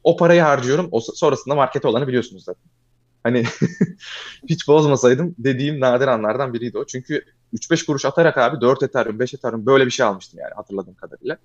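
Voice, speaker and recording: A young man telling a long personal story in casual chat, fast and animated, often calling the listener "abi". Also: mid-range voice, lo-fi sound.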